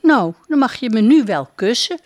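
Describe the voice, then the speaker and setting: A woman reading a storybook aloud and voicing a young princess with a high, eager, playful voice. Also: sing-song, measured pace, a little mellow, dry recording, dull audio. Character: young girlish princess, lively and bold.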